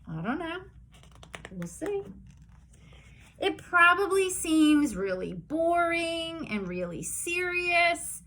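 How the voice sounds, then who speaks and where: Woman preschool teacher, storybook read-aloud, clear bright tone, slow and playful. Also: very high voice, very animated, slight background noise. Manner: playful, mock-outraged protests. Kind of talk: reading a storybook aloud to young children.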